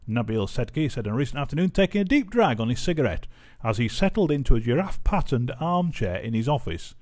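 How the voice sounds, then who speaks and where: A man's voice: medium pitch, big pitch swings, fast talker, a little mellow. A man giving casual commentary as a vlogger, amused and often breaking into laughter while he reads out a news article.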